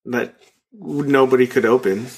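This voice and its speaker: A man's voice: mid-range voice, fairly even intonation, unhurried. A man in his thirties co-hosting a podcast, chatting casually and rambling playfully with many restarts. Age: 30s. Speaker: podcast co-host. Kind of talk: casual chat.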